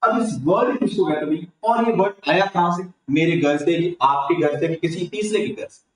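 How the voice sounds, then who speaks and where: Hindi-speaking tutor in an echoey room. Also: male voice, a little high, normal speed, a little hiss or hum. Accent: Rajasthani Hindi. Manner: asks the class and answers himself. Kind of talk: online grammar lesson. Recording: echoey room, mic far off.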